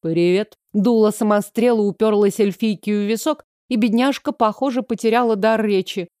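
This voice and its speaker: A woman reading a first-person novel aloud in a lively, wry storytelling manner. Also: a little high, a little fast, no room sound, studio quality. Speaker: audiobook reader. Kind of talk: first-person fiction narration.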